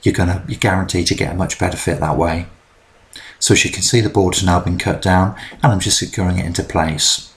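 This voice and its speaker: A man's voice: low voice, steady tone, brisk. A middle-aged man giving a chatty, explanatory voice-over about a DIY build, with frequent ums. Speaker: DIY vlogger. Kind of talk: instructional voice-over narration.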